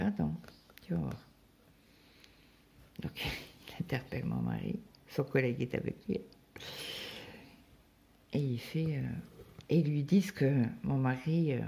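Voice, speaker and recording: A woman from France talks casually to her viewers, rambling from story to story with plenty of hesitations. Her voice is gravelly and mellow, and she is still getting over a stomach bug. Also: extremely low pitch. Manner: rambling, chatty storytelling with many fillers. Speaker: cross-stitch vlogger. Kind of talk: casual chat.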